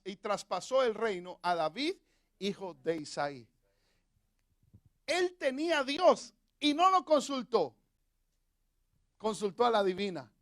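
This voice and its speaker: High-voiced man preaching a sermon. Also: a bit bright, dry recording, clean studio sound. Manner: preaching with rhetorical questions to the viewer. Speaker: pastor. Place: Europe.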